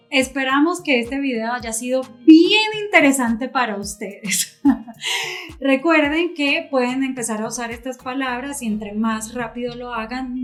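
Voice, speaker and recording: A woman co-hosting a Spanish lesson, explaining in a lively way and affirming with quick "ujú"s. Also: high-pitched. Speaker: Spanish teacher.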